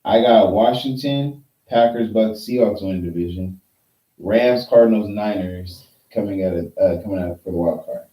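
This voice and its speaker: A man's voice: on the low side, normal speed, dull audio. A man co-hosting a podcast, laid back and thinking aloud as he lists his football picks. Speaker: podcast co-host. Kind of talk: casual sports chat. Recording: roomy echo, mic at a distance.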